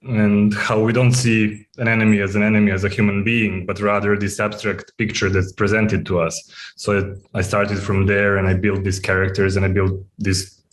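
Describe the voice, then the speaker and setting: A film director from Serbia, talking plainly and briefly in a festival Q&A, sometimes searching for words. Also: male voice, fairly low pitch, level tone, moderate pace, low-quality recording.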